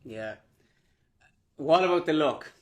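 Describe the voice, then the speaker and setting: A man's voice: a little high, lively intonation, slow. Chatty teasing man co-hosting a podcast. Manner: chatty, teasing, loose slang. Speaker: podcast co-host. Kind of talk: casual banter.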